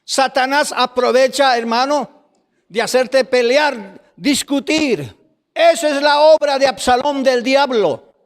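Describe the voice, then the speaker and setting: High-voiced preacher in an echoing church. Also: male voice. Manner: preaching with slow drawn-out phrases and sudden shouts. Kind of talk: fiery sermon. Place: church hall. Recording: long reverb of a church hall.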